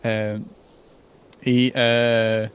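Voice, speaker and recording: A man from Quebec with a Quebec French accent, narrating a tabletop game as game master in a lively, laughing way. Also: medium pitch, very slow, smooth, lo-fi sound.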